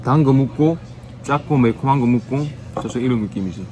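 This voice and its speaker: A man's voice: mid-range voice, brisk, mellow, slight background noise. A young man in a chicken restaurant, talking casually to his viewers with his mouth full while eating. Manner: chatty, addresses viewers directly. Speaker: vlogger. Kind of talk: casual food vlog chat.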